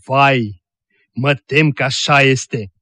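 A man's voice: medium pitch, fairly even intonation, pushed and bright, no echo, close to an everyday voice. A man doing a despairing, broken brother-in-law. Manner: slow, fading, dejected.

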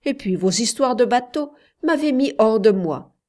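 A woman's voice: on the high side, lively intonation, normal speed, a little mellow, voice pushed up, lightly acted. A woman voicing an anxious, lovestruck young man who speaks earnestly in an audiobook. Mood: jealous.

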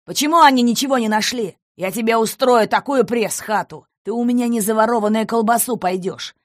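A woman's voice: low-pitched, moderate pace, gravelly, slightly rough, dry recording, clean studio sound, heavily acted. A woman voicing a bullying middle-aged police major who barks threats, in an audiobook. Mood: threatening. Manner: barking threats.

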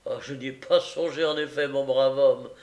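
Man voicing a gentle old gentleman, gravelly, roomy sound, audiobook. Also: medium pitch, steady tone, normal speed, lightly acted. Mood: kindly. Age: older. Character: kind, absent-minded old gentleman.

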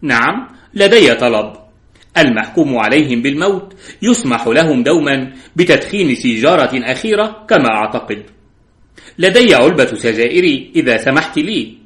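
A man voicing a composed detective who speaks calmly and courteously, in a measured way. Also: medium pitch, close to an everyday voice. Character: calm, composed elderly male detective. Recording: roomy echo.

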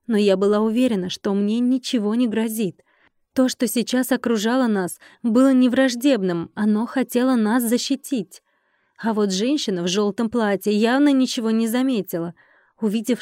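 A woman narrating a fantasy audiobook in first person with a lively, expressive delivery. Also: a little high, moderate pace, no room sound, clean studio sound.

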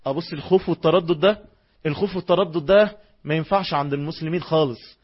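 Fervent high-voiced Egyptian preacher. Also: male voice, fast, dull audio. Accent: Egyptian Arabic. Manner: fervent, rhetorical, voices imagined objections. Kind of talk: sermon.

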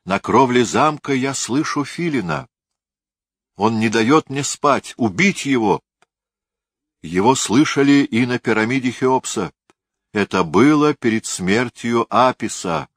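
A man's voice: mid-range voice, lively intonation, unhurried, dry recording, clean studio sound, voice pushed up. A man voicing a dying old tyrant king who rages and issues commands in delirium. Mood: delirious. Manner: raving, commanding outbursts.

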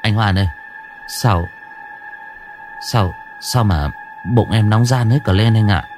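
A man's voice: medium pitch, moderate pace, over music, close to an everyday voice. A man doing a timid stammering young man. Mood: anxious. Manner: stammering, pleading. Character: timid young village man, anxious and soft-hearted.

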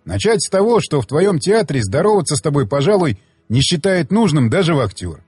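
A man's voice: fairly high pitch, big pitch swings, brisk, a little mellow, husky, no echo, faint music behind, exaggerated voice. A man voicing a sardonic, needling companion. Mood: mocking. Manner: needling, lecturing like a patient mentor. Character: sardonic male companion, blunt and mocking. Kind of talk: audiobook dialogue reading.

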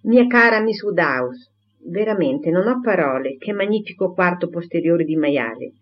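A woman's voice: on the low side, animated, moderate pace, muffled recording. A woman voicing a talkative older spinster who rambles breathlessly from one thing to the next. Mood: excited.

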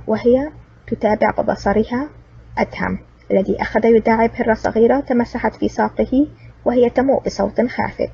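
A woman narrating an adventure audiobook with brisk, steady storytelling. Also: fairly high pitch, creaky, husky. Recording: distant, dull lo-fi recording.

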